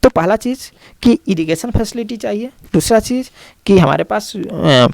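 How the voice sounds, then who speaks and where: A man's voice: sits high, lively intonation, normal speed, vocal fry, a little mellow, no room sound. A man teaching a lesson, explaining step by step and repeating key terms with many fillers. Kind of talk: classroom lecture.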